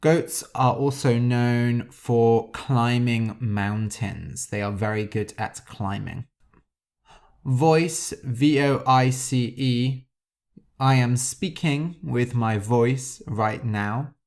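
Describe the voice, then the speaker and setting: A man hosting a podcast and teaching vocabulary for learners in a slow, deliberate way, spelling out words letter by letter. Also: medium pitch, a little mellow. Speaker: podcast host. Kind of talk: scripted vocabulary lesson for learners.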